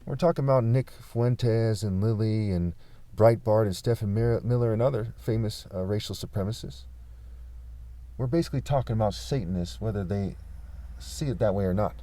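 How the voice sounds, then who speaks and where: A man from California talking insistently in an unscripted vlog monologue, pausing often with fillers. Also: fairly low pitch, dark tone, no echo. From California, USA. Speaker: vlogger.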